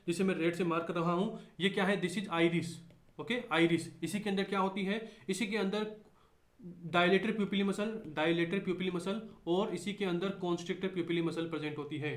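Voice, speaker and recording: A man giving a medical lecture, repeating key points and asking himself rhetorical questions, mixing English terms into his speech. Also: high-pitched. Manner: mixes English terms into Hindi. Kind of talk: explanatory lecture. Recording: echoey room.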